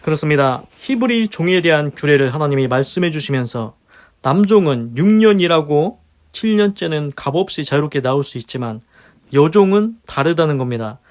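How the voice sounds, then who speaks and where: An earnest man with a somewhat high voice delivers a devotional sermon. He switches between explaining a passage and praying aloud, hammering his points home through repetition. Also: lively intonation, moderate pace. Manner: earnest, alternates teaching with spoken prayer; emphatic, repeats key phrases. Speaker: preacher leading a daily devotional. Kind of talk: devotional Bible commentary with prayer.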